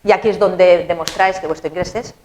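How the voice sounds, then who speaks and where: A woman, an English teacher explaining grammar in an animated, chatty, playful way. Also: fairly low pitch, fast, a little hiss or hum.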